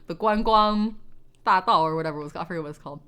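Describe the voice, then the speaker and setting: A woman's voice: fairly low pitch, fast talker, a bit bright, clear, resonant tone. A woman in her late twenties, a streamer, chatting casually and rambling, giggling often and swearing offhand. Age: 20s. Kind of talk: casual chat with live chat.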